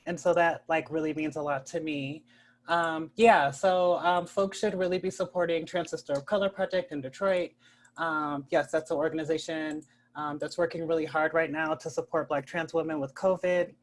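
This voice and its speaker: A woman's voice: low-pitched, steady tone, moderate pace, a little hiss or hum. A woman guest on a video call panel, speaking earnestly with many fillers. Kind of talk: casual online panel talk.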